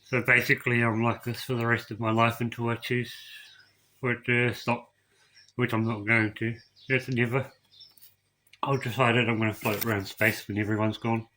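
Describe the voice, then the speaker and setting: A middle-aged man telling his own story to camera, emotional and tearful, halting and repeating words as he goes. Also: medium pitch, little pitch movement, pushed and bright. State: crying. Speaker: vlogger.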